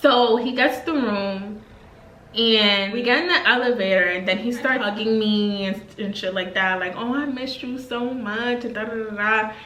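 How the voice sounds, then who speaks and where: A woman in her twenties tells a casual storytime to her vlog, chatty and expressive with plenty of slang and fillers. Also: mid-range voice, moderate pace, roomy sound, slight background noise, rough recording. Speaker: vlogger.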